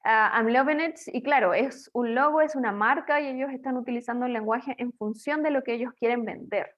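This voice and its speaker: A woman explains English grammar to her students in a playful, chatty tone. Her voice sits a little high. The recording is a bit dull and lo-fi, like a home-made online lesson. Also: brisk, fairly bright tone. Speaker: English teacher.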